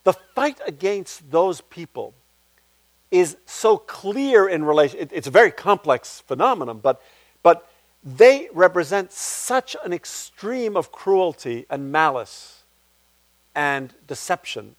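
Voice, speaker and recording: Answering questions from the audience at a public talk, a male playwright speaks at a slow pace in a thoughtful way. He frequently restarts sentences and his pitch swings animatedly; there's no room sound.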